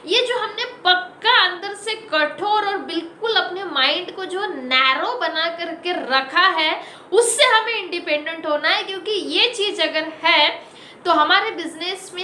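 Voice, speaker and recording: A woman hosting her own motivational talk, her voice very high and bright. She exhorts her listeners in short, emphatic bursts and repeats key lines for weight. The recording carries a roomy echo. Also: a little slow, a little hiss or hum. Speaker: motivational speaker with own channel.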